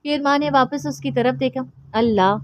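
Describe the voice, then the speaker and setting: A woman narrating a romance novel audiobook in an expressive, dramatic storytelling manner. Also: high-pitched, normal speed. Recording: dry, slightly dull audio.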